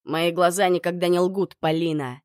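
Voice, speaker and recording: A woman's voice: on the low side, fairly even intonation, moderate pace, darkish tone, smooth, no room sound, clean studio sound, natural voice. A woman voicing a hot-tempered, domineering young man who speaks in a harsh, commanding way. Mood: insistent.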